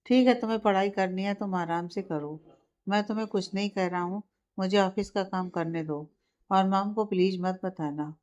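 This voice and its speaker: A woman's voice: mid-range voice, normal speed, a little mellow, muffled recording, lightly acted. Storybook: exasperated, teasing young husband, read by a woman narrator. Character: young man, irritated but caring husband.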